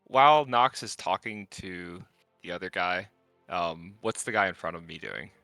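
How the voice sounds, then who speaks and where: A man's voice: low voice, expressive, moderate pace, gravelly, pushed and bright, dry recording, soft background music. A man playing a tabletop game, asking the game master dry, pointed questions. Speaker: player. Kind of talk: tabletop role-play.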